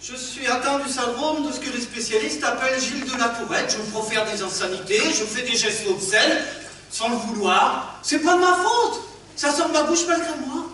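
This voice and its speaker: An actor on stage playing a courteous, apologetic man with Tourette's who suddenly shouts obscenities. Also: very high-pitched, normal speed, recorded from a distance. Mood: apologetic, polite. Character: polite middle-aged man with Tourette's blurting insults. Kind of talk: amateur stage play. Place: theatre stage. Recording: echoey hall miked from afar, background noise.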